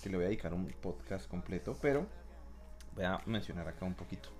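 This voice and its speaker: A man's voice: deep voice, expressive, brisk. A man hosting a podcast in casual chat, joking crudely and teasing his guest. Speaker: podcast host.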